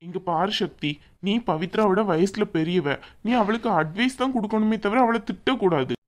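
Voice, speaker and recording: A woman's voice: mid-range voice, moderate pace, close to an everyday voice. A woman voicing a young groom in a cartoon, firm and scolding as he stands up for his crying sister. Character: young groom, earnest and fair-minded. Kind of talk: cartoon voice acting.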